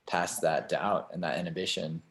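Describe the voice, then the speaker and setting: A man's voice: low-pitched, steady tone, normal speed, a bit bright. A young man talking casually as an interview guest, rambling, with many "like" and "you know" fillers. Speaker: singer-songwriter guest. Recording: roomy echo.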